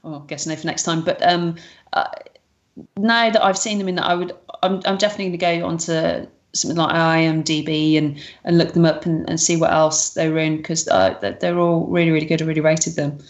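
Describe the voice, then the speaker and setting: A woman's voice: deep voice, steady tone, brisk, muffled recording. A woman in casual podcast chat, who talks hesitantly with many ums and uhs. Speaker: podcast co-host.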